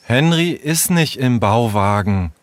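A man's voice: medium pitch, lively intonation, normal speed, no echo, voice pushed up, natural voice. A man voicing an earnest, caring young boy who reassures his friend.

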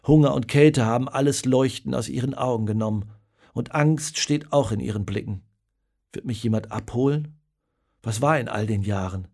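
A man narrating a story in an expressive, dramatic reading voice. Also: medium pitch.

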